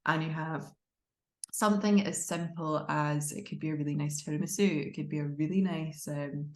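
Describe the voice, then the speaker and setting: A woman's voice: low-pitched, fairly even intonation, moderate pace, reverberant. A woman with a Glaswegian Scottish accent chatting enthusiastically and expressively as an interview guest. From Glasgow, Scotland. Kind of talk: casual conversational interview.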